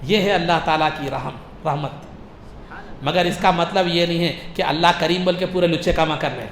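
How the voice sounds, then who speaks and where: A man delivers a sermon, bright and ringing in tone. He repeats key lines and builds them into shouts. The room echoes around him, with faint noise behind. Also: fairly high pitch. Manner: impassioned, repeats phrases and rises into shouts. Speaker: preacher.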